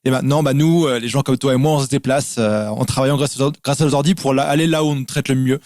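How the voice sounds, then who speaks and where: French guy chatting relaxed, lots of euh and bah, dry close sound. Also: medium pitch, fast talker, no echo. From France. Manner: relaxed, explains in lists with many fillers. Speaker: guest. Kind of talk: casual interview over a call.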